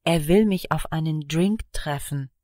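A woman's voice: low voice, measured pace, dark tone, no room sound, studio quality. A woman reading the part of a stubborn young woman, fed up with surprises and indignant. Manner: indignant, exasperated.

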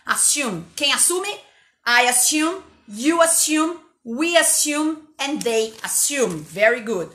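A woman English teacher with an interior São Paulo accent, giving an energetic live online lesson and drilling words over and over. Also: high voice, takes it slowly, echoey room. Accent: interior São Paulo Portuguese.

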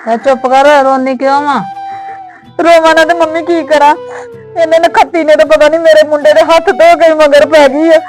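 A woman's voice: sits high, steady tone, normal speed, music in the background, close to an everyday voice, rough recording. A woman playing an upset Punjabi mother. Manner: upset, complaining and scolding. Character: worried mother defending her son. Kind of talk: family drama acting.

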